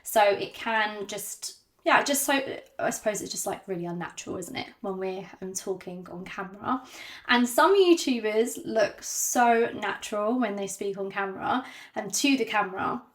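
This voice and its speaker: A woman vlogging to camera without a script, hesitant and self-conscious, with many ums and pauses, and slightly out of breath. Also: medium pitch. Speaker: YouTuber. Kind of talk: unscripted talk to camera.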